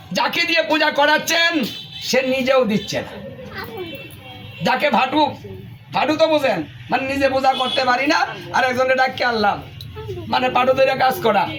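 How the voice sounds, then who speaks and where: A man's voice: very high-pitched, a bit bright. A male preacher giving a devotional sermon, emphatic and full of rhetorical questions.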